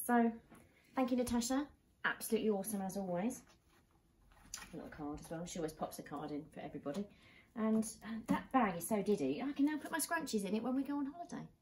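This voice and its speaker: A woman's voice: mid-range voice, very animated, fast talker, darkish tone, slight background noise, low-quality recording. A British woman in her thirties chatting casually as a vlog co-host in her living room.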